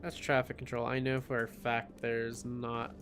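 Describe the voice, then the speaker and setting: A man's voice: mid-range voice, monotone, a little slow. A tired young man streaming a game, musing and muttering to himself as he plays. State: tired, yawning. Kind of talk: casual live-stream gaming chat. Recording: game music under the voice. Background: game music.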